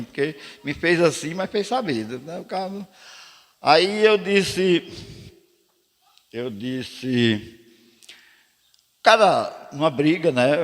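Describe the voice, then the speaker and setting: An older man from Rio Grande do Norte, a poet telling stories to a live audience and declaiming his verses. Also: medium pitch. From Brazil, Rio Grande do Norte. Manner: animated, declamatory when reciting verse. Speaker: poet and storyteller. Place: cultural center hall. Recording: long hall reverb.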